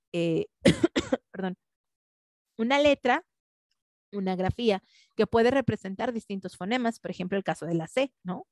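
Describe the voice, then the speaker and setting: A woman's voice: medium pitch, darkish tone, no echo, studio quality. A woman teaching a class in a conversational way, often checking in with tag questions. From Mexico. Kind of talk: online class lecture.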